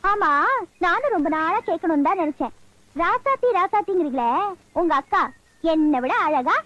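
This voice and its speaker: A woman's voice: very high-pitched, expressive, fairly bright tone, no room sound, lo-fi sound. An actress playing a chatty, mocking village woman who fusses and scolds in a film comedy. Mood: teasing. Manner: quick-tongued, mocking, scolding. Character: chatty teasing village woman, bossy and fussing.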